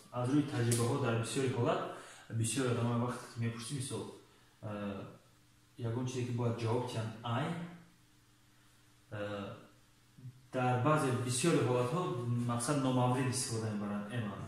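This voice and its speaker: Slow, echoey male teacher. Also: mid-range voice. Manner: slow, repeats words and spells out English examples. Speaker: English teacher. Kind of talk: classroom-style language lesson. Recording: echoey room, far from mic, faint hiss.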